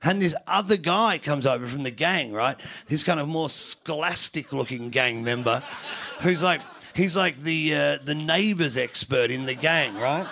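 Gravelly Australian comedian telling a story. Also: male voice, fairly high pitch, unhurried, bright, forceful tone. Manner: rambling, profane, self-mocking with restarts. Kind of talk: stand-up storytelling.

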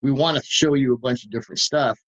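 A man co-hosting a football podcast, rambling eagerly through plays and laughing as he goes. He talks at a medium pitch. His audio sounds dull and lo-fi. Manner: excitable, rambling, quick to laugh. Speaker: podcast co-host, football writer. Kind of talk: casual podcast chat.

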